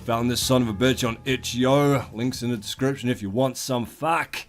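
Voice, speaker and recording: A British man hosts comedic game commentary in a medium-pitched voice. His delivery is irreverent and theatrical, full of colloquial swearing and mock-grand flourishes. Music plays faintly behind him. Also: normal speed. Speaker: gaming video host. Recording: voice over a music bed.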